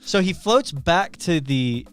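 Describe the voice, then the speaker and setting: Podcast guy telling fun facts like stories, kinda high voice, faint music behind. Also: slow, clean tone. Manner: animated storyteller, reads out facts. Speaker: podcast co-host. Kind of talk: casual podcast chat.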